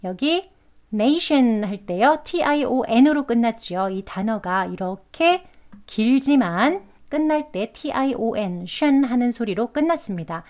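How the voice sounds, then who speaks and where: Woman pronunciation teacher, native Korean, unhurried, deliberate syllable-by-syllable delivery. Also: fairly high pitch, animated, a little mellow. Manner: drawn-out, syllable-by-syllable demonstrations. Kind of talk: slow, careful pronunciation lesson.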